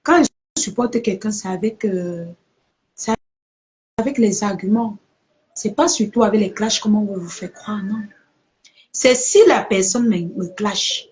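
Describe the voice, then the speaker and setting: A social media personality goes live to rant at her followers, confronting them and repeating her points for effect. Her medium-pitched, darkish voice is unhurried, with long pauses.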